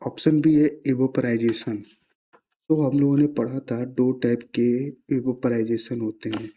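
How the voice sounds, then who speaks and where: A man's voice: mid-range voice, level tone, moderate pace, dark tone. A man, teaching science in a casual classroom-style explanation, asking himself rhetorical questions and mixing in English terms.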